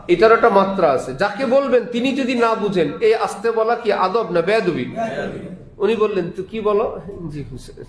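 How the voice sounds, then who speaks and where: A man's voice: high-pitched, roomy sound. A man with a Bangladeshi Bengali accent giving a Friday sermon in a mosque, telling stories, voicing the people in them and chuckling often. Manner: storytelling, voicing characters, frequent chuckles. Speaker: preacher. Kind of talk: Friday sermon with acted anecdotes.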